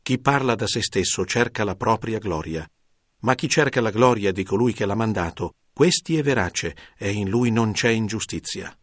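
A man reading the lines of a calm, authoritative male teacher in a measured, solemn scripted Bible reading. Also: lowish voice, no echo, studio quality.

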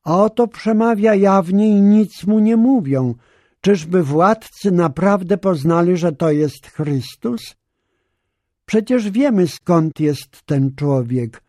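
A man's voice: sits high, slow pace, darkish tone, no echo, clean studio sound, voice pushed up. A man reading the lines of curious townspeople who wonder aloud, in a questioning scripture reading.

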